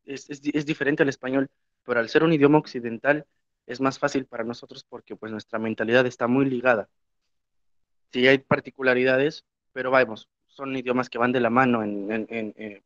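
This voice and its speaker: This young Mexican man, a historian who teaches Nahuatl, speaks at a medium pitch, reflecting aloud in a panel talk full of filler words. His first language is Spanish and he has a Mexican Spanish accent. The recording is dry, muffled and lo-fi.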